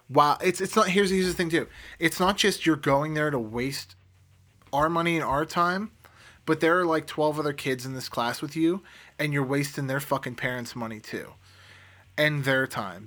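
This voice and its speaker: A man chats casually on his solo podcast. His voice sits at a middle pitch. He rambles, swears freely and restarts his sentences often. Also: sharp tone. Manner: rambling, profane, with frequent fillers and restarts. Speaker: podcast host.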